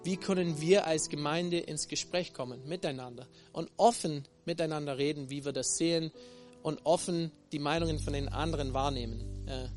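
American-accented man preaching in German, halting. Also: a little high, faint music behind. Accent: American English. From Texas, USA. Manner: halting, many fillers and restarts, frequent "ne?" tag questions. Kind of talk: sermon.

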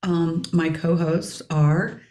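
A middle-aged woman hosting a casual podcast discussion, her raspy voice hoarse as she keeps clearing her throat. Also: low-pitched, steady tone, takes it slowly, mellow, roomy sound. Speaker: podcast host.

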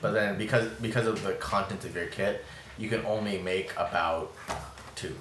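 A man's voice: fairly low pitch, fairly even intonation, moderate pace. A man narrating as game master of a tabletop game, loose and rambling, often laughing. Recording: echoey room, faint noise.

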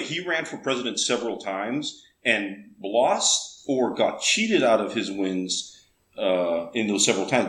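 A man's voice: fairly low pitch, bright, forceful tone. A man raised on the border between Texas and Mexico. He is a guest in a casual interview and explains his views earnestly, thinking aloud as he goes. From Texas–Mexico border region. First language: bilingual English and Spanish. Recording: echoey room with faint background noise.

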